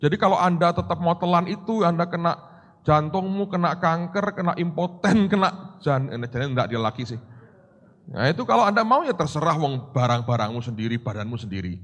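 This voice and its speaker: A man preaching a sermon as a pastor, telling stories with lively acted-out dialogue and chuckles. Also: on the high side, fairly quick. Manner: animated storytelling, acts out dialogue, chuckles. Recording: long church hall reverb.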